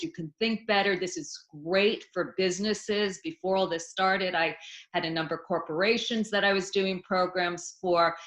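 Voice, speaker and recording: A woman teaching laughter yoga as an interview guest, explaining with energy and demonstrating as she goes. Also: lowish voice. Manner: energetic, instructive, with bursts of laughter. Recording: echoey room.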